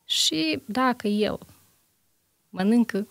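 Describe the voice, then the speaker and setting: A woman's voice: fairly high pitch, expressive, gravelly, no room sound. A woman internist answering interview questions on a health show, methodical, listing examples with frequent hesitations.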